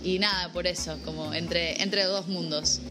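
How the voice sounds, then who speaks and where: A woman's voice: on the low side, steady tone, unhurried, music in the background. A woman in her twenties from the United States, speaking Spanish with a Buenos Aires accent, easygoing and full of "eh" fillers in an interview. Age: 20s. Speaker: guest, music manager. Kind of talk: casual interview. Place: vegan café.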